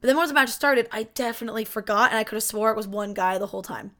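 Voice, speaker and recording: A woman with a slightly high voice talks through a wrestling match in casual podcast chat. She rambles animatedly and leans on fillers like "like" and "um." She sounds a little tired, yawning and hiccuping now and then. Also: rapid-fire. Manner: chatty, filler-heavy, animated retelling. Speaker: podcast co-host.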